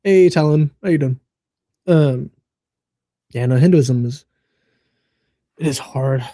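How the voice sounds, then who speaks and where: A man's voice: a little high, takes it slowly, mellow, dry recording, clean studio sound. A man co-hosting a casual livestream, answering chat comments with frequent laughs and fillers. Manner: laughs often, talks through fillers.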